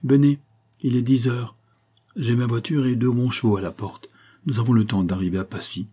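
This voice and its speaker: A man's voice: medium pitch, steady tone, normal speed, dark tone, husky, close to an everyday voice. A man reading a cold scheming viscount. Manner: cool, insistent persuasion. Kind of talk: audiobook character reading.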